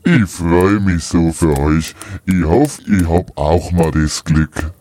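A man's voice: low voice, takes it slowly, mellow. A man voicing a jovial, beer-loving Father Christmas, hearty and folksy.

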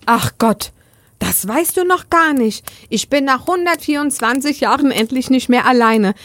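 A woman's voice: sits high, expressive, normal speed, fairly bright tone. Woman playing a gossipy ancient fairy-tale granny. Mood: chatty. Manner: gossipy, chatty.

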